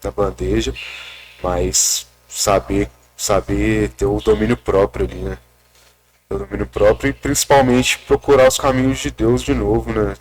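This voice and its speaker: A young man talks haltingly, restarting phrases and pausing often. His voice sits a little low, with a faint hiss behind him. He is being interviewed at a rural rehab center. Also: a little mellow. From Minas Gerais, Brazil. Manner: hesitant, many restarts and pauses. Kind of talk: casual personal account.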